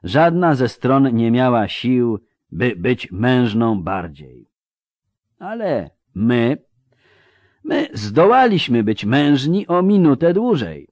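A man's voice: medium pitch, big pitch swings, takes it slowly, a little mellow, dry recording, clean studio sound, pitched above the performer's own voice. A man voicing a proud woman veteran speaking solemnly and emphatically.

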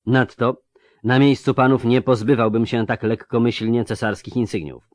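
A man's voice: medium pitch, moderate pace, darkish tone, no echo, studio quality, voice pushed up, close to an everyday voice. A man voicing a stern imperial officer who gives orders in a cold, formal way.

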